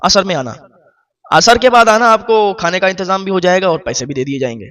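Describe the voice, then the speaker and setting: Preacher as a curt judge in a sermon story, high voice, brusque and dismissive. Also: male voice, expressive, fairly bright tone. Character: curt, dismissive old judge who stalls and refuses.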